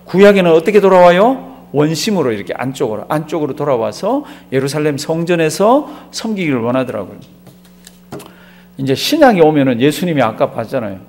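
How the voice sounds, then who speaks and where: Middle-aged man, pastor at a Bible class: animated storyteller, asks the room questions, murmurs at phrase ends. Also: a little high, brisk. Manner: lively storytelling, acts out quotes, questions the audience. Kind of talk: sermon-style Bible lecture.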